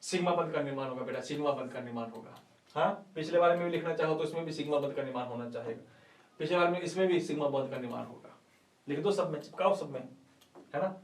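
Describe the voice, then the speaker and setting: High-voiced playful male teacher. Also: fast talker. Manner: playful, coaxing, quizzes students with rhetorical questions; calls students "beta ji", uses folksy sayings. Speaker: chemistry teacher. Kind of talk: online class lecture. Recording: echoey room, distant mic.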